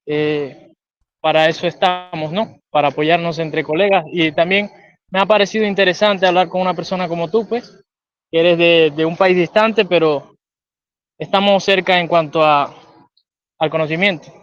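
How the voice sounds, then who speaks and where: A man from Venezuela with a Venezuelan accent, a guest calmly explaining a philosophical idea in conversation. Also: fairly high pitch, moderate pace, clear, resonant tone, dull audio.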